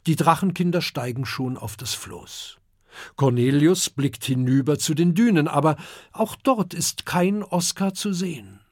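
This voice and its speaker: Slow, husky children's story narrator. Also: mid-range voice, a little mellow, no room sound, clean studio sound. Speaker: audiobook narrator.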